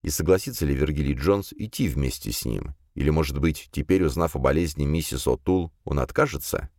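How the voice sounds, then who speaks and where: Deep-voiced expressive male audiobook narrator. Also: fairly quick, dry recording, clean studio sound. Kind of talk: scripted narration.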